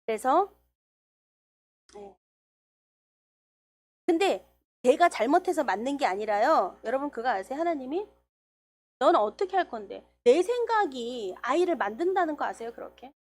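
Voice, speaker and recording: A middle-aged woman preaching a church sermon, telling a story with lively quoted dialogue. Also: high voice, moderate pace, long pauses.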